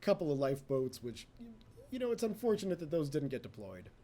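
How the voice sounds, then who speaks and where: Here the same let's play host, a young native English speaker, talks briskly in a fairly high, dark voice whose pitch swoops wildly. He rambles, mocks himself, and addresses the game directly over slight background noise.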